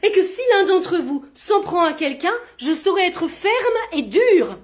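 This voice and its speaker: A woman's voice: extremely high pitch, expressive, measured pace. A woman acting in comedy sketches, speaking hesitantly and stammering at times.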